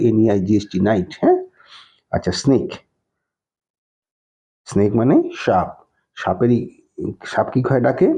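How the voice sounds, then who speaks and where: A man's voice: on the low side, warm tone, slightly rough. A male teacher patiently explaining a primary school textbook, spelling words letter by letter and checking in after nearly every phrase. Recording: dull lo-fi recording.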